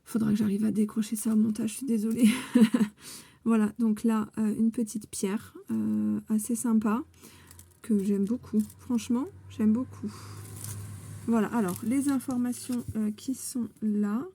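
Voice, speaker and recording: Mellow, breathy woman showing crafts. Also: on the high side, flat delivery, measured pace, dry recording. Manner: enthusiastic, repeats her praise, many hesitations; handles paper and crafts while talking. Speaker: scrapbooking vlogger. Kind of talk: casual show-and-tell vlog.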